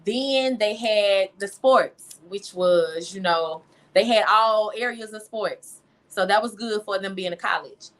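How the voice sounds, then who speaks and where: On a low-quality recording, a young Southern woman from Louisiana speaks in a mid-range voice, a little slowly. She is a singer and songwriter being interviewed, and her casual chat is informal and emphatic.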